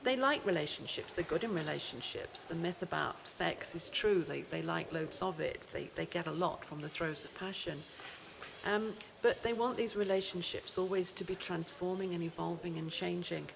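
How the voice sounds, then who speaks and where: Low creaky woman in an echoing cave. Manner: unhurried, often pausing with "um". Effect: cave echo. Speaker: astrologer. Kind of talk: spoken astrology explainer to camera. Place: cave deep in a mountain range. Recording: long cave reverb, faint background noise.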